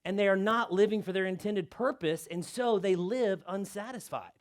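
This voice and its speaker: Animated high-voiced man giving a student talk. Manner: animated, swinging from loud emphatic bursts to quiet slow lines. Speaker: guest speaker at a student ministry night.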